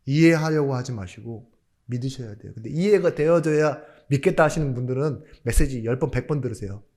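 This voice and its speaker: A male pastor delivers a sermon in a mid-pitched voice. He swings between soft, almost spoken asides and sudden loud, rising emphasis, keeps asking the congregation rhetorical questions, and lightens the preaching with jokes. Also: a little fast. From South Korea. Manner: jokey asides.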